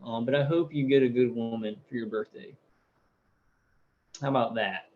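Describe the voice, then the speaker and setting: A man's voice: mid-range voice, moderate pace. A man in his thirties hosting a casual live stream, rambling through viewer comments with lots of fillers and repeated words. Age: 30s. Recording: dull lo-fi audio.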